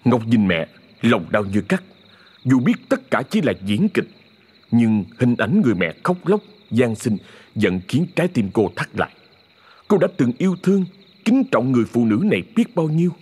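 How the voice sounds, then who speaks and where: A man's voice: medium pitch, big pitch swings, normal speed, darkish tone, breathy edge. Dramatic male horror storyteller. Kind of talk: scripted horror story narration.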